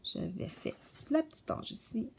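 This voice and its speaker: A woman casually showing her coloring books, soft-spoken and stumbling over English titles. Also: moderate pace, a little hiss or hum. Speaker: coloring book vlogger. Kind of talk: casual show-and-tell chat.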